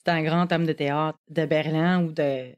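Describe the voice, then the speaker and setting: A woman's voice: low voice, steady tone, normal speed, dull audio, close to an everyday voice. A woman putting on a flustered Québécois inner voice. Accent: put-on Québécois. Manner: self-scolding, hesitant inner monologue.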